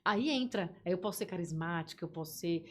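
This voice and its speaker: A woman, a guest telling stories in a playful, animated way. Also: fairly low pitch, brisk, slight background noise. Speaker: podcast guest. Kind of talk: casual interview chat.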